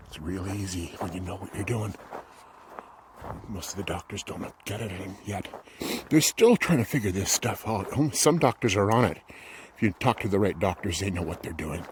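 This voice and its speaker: Low-voiced man rambling on a walk. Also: animated, normal speed, noisy background. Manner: rambling, thinking aloud with many restarts. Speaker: vlogger. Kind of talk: casual walk-and-talk vlog. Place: outdoors on a walk.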